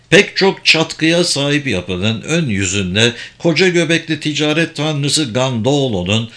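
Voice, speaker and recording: A man narrating a fantasy audiobook in a measured, even storytelling delivery. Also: medium pitch.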